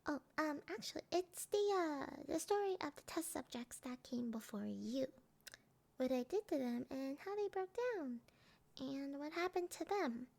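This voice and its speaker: A woman voicing a sweet, eerily obsessive, sadistic young lover in a breathy, girlish ASMR role-play. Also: sits high, expressive, normal speed, darkish tone. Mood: proud, devoted.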